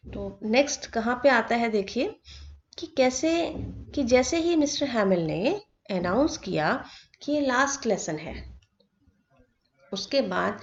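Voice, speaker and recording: A woman teacher explaining a textbook chapter, reading lines slowly and then explaining them at length. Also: a little high, a little hiss or hum. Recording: dull lo-fi recording.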